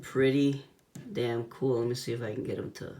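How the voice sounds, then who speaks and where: A man's voice: medium pitch, fairly even intonation, normal speed, dark tone. A man giving a casual hands-on toy review in laid-back, slangy talk, with a whistle on his s sounds.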